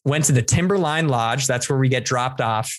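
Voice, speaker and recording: A man's voice: medium pitch, moderate pace, dry recording. A man from San Diego, a podcast co-host, telling a long story in casual chat with lots of restarts. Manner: rambling storyteller, many restarts.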